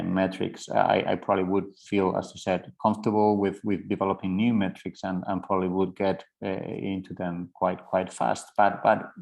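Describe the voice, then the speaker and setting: A man's voice: deep voice, creaky, a little mellow. A man with a Spanish accent moderating a panel, hesitant and repeating words often. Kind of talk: panel discussion.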